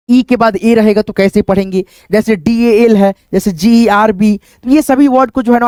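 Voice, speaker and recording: A man's voice: very high-pitched, darkish tone, no room sound, clean studio sound. Patient man spelling out English words. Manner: spells words letter by letter, asks and repeats answers; keeps addressing viewers as friends with tag questions. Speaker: English teacher. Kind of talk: online phonics lesson.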